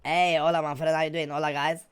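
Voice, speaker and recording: Brief: man in roleplay chat, higher-pitched than most, loud, excitable short reactions. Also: quick pace, clear, resonant tone. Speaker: roleplay gang leader.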